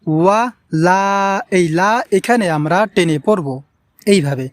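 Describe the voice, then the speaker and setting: A Quran recitation teacher gives a slow pronunciation lesson on an Arabic prayer, patiently repeating words and drawing out the long vowels for learners. His high-pitched voice is slow with lively intonation, and there is no room sound.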